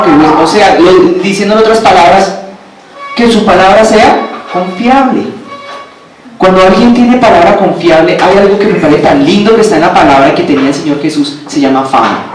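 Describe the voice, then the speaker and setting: A man preaching a sermon, asking the congregation questions and repeating phrases for emphasis. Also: high voice. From Colombia. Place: church hall. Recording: very echoey hall, from far off, faint background noise.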